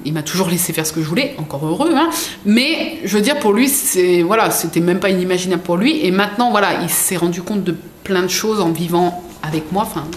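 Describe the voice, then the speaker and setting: Speaking a little quickly in a fairly low voice, this woman rambles through a chatty unboxing vlog, full of filler words and self-corrections. There's an echo to the room and faint noise behind her.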